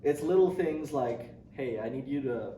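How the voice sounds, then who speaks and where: A young Indonesian student being interviewed speaks at a normal speed with a warm, medium-pitched voice and lively intonation. He answers casually, peppering his speech with ums, restarts and light laughter. The mic is distant, and the room is echoey and noisy.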